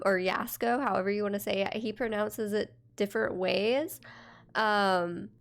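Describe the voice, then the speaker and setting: A woman's voice: medium pitch, gravelly. A congested woman streamer chatting casually with her viewers, laughing often as she talks.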